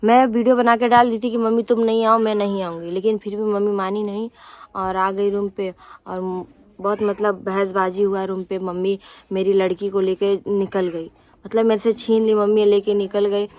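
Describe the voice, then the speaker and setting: A woman's voice: medium pitch, level tone, normal speed, darkish tone. A young woman vlogger talking casually to her viewers in an aggrieved, rambling way, with many restarts and fillers. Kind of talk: casual vlog talk to viewers.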